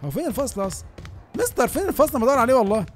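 Excitable young Egyptian gamer man. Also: racing, soft background music. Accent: Egyptian Arabic. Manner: excitable, yelps and shouts in panic, then calms to low asides. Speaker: gaming YouTuber. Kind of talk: comedic gameplay commentary.

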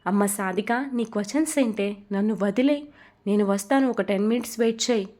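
A woman voicing a flustered young woman in a storybook romance, talking in a sharp, exasperated scolding way. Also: medium pitch, a little fast, natural voice.

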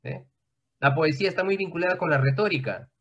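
Talkative male teacher, fairly high voice. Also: brisk, highs cut off. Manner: conversational, checks in with students often. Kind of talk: online class lecture.

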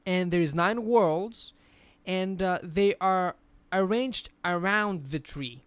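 A man with a smooth, clear voice, pitched a little high, talks through a topic on a casual podcast. He explains at length and rambles, often circling back to restart his sentences, close to a dry mic. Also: takes it slowly, fairly bright tone, dry recording.

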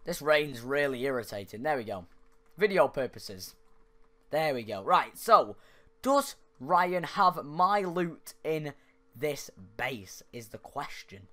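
Here the young YouTuber's voice sits a little high with a fairly bright tone, very animated yet slow-paced. Leaning into his desk mic, he keeps up chatty game commentary, yelping and laughing when plays go badly.

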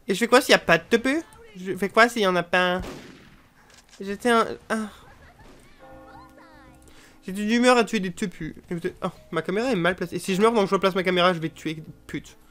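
A woman casually commentating her own gameplay, joking and swearing crudely, with sudden shouted outbursts. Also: medium pitch. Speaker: gaming channel host. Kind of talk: casual let's play commentary.

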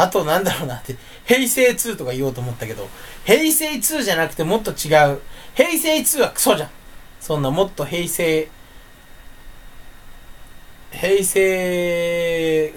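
A man's voice: on the high side, fairly bright tone. A sleepy man with a stuffy nose rambling to himself in a casual solo chat, often correcting himself. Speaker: channel host.

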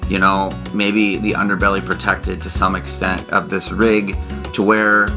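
A man in his thirties explains things casually to camera inside a small trailer. His voice sits low with a gravelly creak. Soft guitar music plays behind him. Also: little pitch movement, measured pace. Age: 30s. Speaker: RV vlog co-host.

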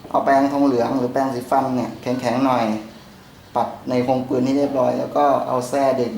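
A man in the middle of his pitch range talks through a hands-on repair demo, relaxed and unhurried, with fillers and pauses while he works. His voice sounds roomy and echoey, with a faint hum of background noise behind it. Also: creaky. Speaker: gun channel host. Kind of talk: hands-on gun maintenance demo.

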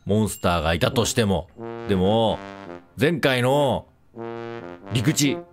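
A man giving casual, excitable commentary over his own gameplay, breaking into panicky repeated exclamations. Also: on the low side, takes it slowly, music in the background. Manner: playful self-introduction with a mock-dramatic recap. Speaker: game commentator.

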